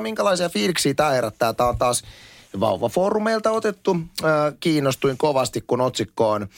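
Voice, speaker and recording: A man's voice: mid-range voice, no echo. A man in his thirties hosting a casual chat, joking and reading forum posts aloud. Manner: lively, jokey, reads forum posts aloud. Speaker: podcast host.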